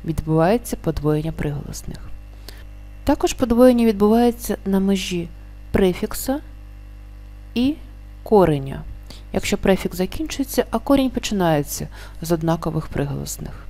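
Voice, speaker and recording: A woman teaching a grammar lesson, stating each rule and then slowly and carefully sounding out the example words. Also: medium pitch, lively intonation, warm tone.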